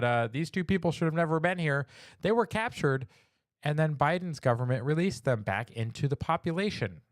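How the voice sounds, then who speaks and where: A man's voice: mid-range voice, dry recording, clean studio sound. A man hosting a weekly news livestream, mocking and chatting with viewers. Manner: mocking, sarcastic, talks to chat. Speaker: host of a weekly news stream. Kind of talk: casual livestream commentary.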